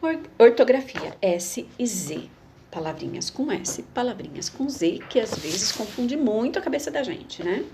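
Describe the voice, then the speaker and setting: A woman's voice: a little high, big pitch swings, noisy background. A woman teacher, reading a schoolbook aloud and explaining it patiently to young children. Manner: patient, explains slowly, repeats words for children.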